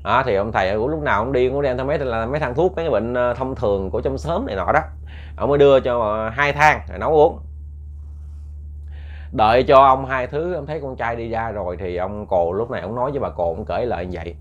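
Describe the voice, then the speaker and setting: Male storyteller, chatty suspense narration, mid pitch, muffled recording. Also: fast. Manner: animated, repeats words for suspense, addresses listeners. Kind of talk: casual spoken storytelling.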